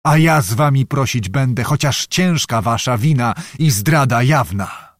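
A man voicing a stern, aging Cossack hetman who slowly and gravely accuses a traitor in an audiobook. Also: medium pitch, expressive, dry recording, clean studio sound, natural voice. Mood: grave, accusing. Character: stern aged Cossack hetman passing judgment.

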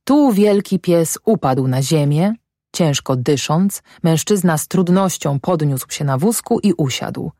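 A woman narrating an audiobook of a classic novel in a measured, even way. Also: sits low, no echo, studio quality.

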